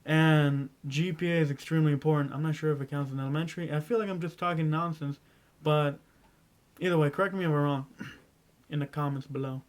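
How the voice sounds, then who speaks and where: A teenage boy rambling through casual school advice in a vlog, clearing his throat often and stumbling over his words. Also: fairly high pitch, steady tone, fairly quick. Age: teens. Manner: rambling, stumbling, self-interrupting. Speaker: vlogger.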